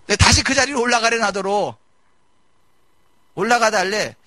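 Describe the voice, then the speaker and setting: A male pastor giving a lively sermon, mimicking people and shouting his emphases. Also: sits high, moderate pace, no room sound. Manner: animated preaching, mimicking congregants, shouting emphases. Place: church sanctuary.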